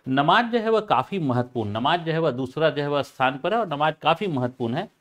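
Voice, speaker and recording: A man explaining a topic for a channel, halting and full of filler phrases and repeats. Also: on the high side, animated, fairly bright tone. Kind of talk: informal educational explanation.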